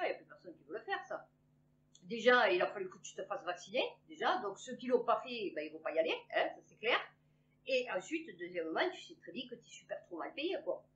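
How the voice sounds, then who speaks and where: High-voiced sarcastic woman in her fifties. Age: 50s. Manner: rambling, sarcastic asides, many fillers. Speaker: online news commentator. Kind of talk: casual commentary on news headlines. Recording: dull lo-fi recording.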